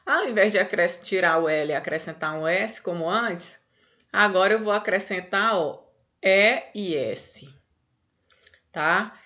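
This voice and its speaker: A woman's voice: mid-range voice, measured pace, pushed and bright. A Brazilian woman teaching a grammar lesson, patient and explaining step by step, checking in often with her students.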